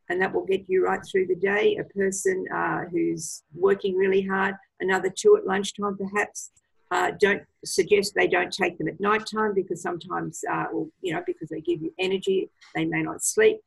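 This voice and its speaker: Gravelly husky woman on a video call. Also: medium pitch, moderate pace, rough recording. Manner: enthusiastic, gives advice with many fillers. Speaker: product trainer. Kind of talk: casual presentation on a video call.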